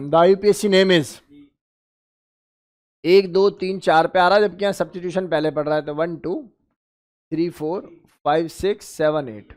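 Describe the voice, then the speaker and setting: High-voiced man teaching chemistry. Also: fairly even intonation. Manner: addresses students as beta and bhai, asks and answers his own questions; counts positions aloud in a brisk, drilling rhythm. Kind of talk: exam-prep lecture.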